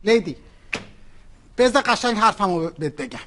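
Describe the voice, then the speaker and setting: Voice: mid-range voice, big pitch swings, fairly bright tone, slight background noise. A performer playing an overprotective older mother with a Persian accent in a comedy sketch, talking bluntly in broken English mixed with Persian. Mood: bossy.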